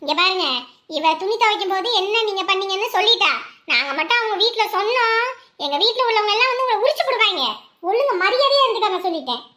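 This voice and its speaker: A woman playing a blunt, sharp-tongued young woman who scolds her friends and strangers. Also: very high voice, lively intonation, fast, exaggerated voice. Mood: scolding. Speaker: outspoken friend. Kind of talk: web series acting.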